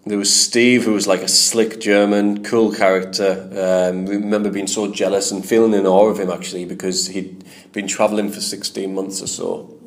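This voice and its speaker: A man in his thirties telling a rambling, reflective travel story with plenty of fillers. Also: low voice. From England. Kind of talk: casual spoken travel story.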